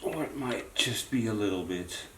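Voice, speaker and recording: A man hosting his repair channel gives a casual, unplanned hands-on demonstration, muttering his thoughts aloud as he works. His voice is on the low side with lively intonation at normal speed, against a noisy background.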